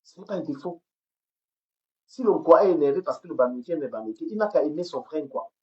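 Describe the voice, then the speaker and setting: A woman's voice: sits low, expressive, a little fast, dark tone. A woman delivers a heated livestream rant into her phone. She repeats phrases and stammers as she pushes on, and the audio is dull and lo-fi. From Cameroon. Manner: heated, repetitive, stammers on words. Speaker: livestream host. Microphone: phone camera.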